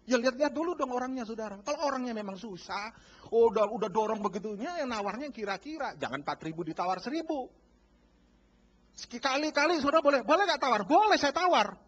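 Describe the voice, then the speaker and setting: A man pastor preaching a sermon, animated and acting out bargaining scenes while addressing the congregation. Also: very high-pitched, fast. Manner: lively, acts out bargaining dialogues, addresses congregation as saudara. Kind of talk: sermon with acted-out market scenes. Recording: dull lo-fi church recording.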